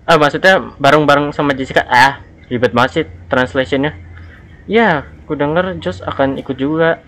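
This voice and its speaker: A man's voice: a little high, normal speed, a bit bright. Jumpy man playing a horror game. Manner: jumpy, nervous, reads on-screen text aloud. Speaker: gaming channel host. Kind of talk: horror let's-play commentary.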